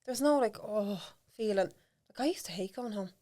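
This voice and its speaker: A woman's voice: medium pitch, moderate pace, dark tone. A woman with an Irish accent, a podcast guest telling personal stories candidly and chattily in casual conversation. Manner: candid, frank storytelling with casual swearing; chatty, lots of fillers like "like".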